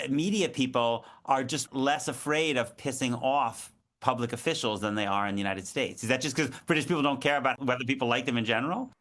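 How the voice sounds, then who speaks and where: Guy hosting an interview, calm questions, normal pitch. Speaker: interview host.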